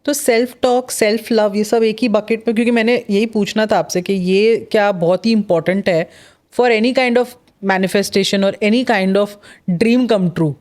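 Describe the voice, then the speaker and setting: A woman hosting a casual podcast interview, her voice sitting at an ordinary middle pitch. She keeps the guest going with brief murmurs of agreement and puts her questions in a loose mix of languages. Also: fairly even intonation, measured pace, darkish tone. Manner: short affirming murmurs, questions mixing in English. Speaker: podcast host.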